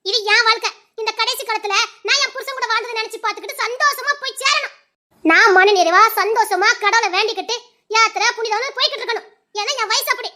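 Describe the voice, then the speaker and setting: A woman's voice: very high-pitched, sharp tone. A woman voicing a stubborn old widowed mother who wants to live alone. She speaks with a Tirunelveli accent and sounds proud and scolding. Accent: Tirunelveli Tamil.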